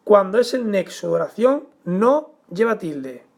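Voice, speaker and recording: A man teaching a grammar lesson, explaining at a measured pace and stressing the example words. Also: sits high, sing-song, gravelly.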